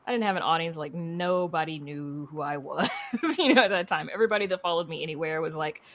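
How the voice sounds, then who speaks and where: This woman, a writer and podcast creator, talks fast in a low-pitched, fairly bright voice. Her interview answers are conversational and informal, told as stories, and she laughs readily.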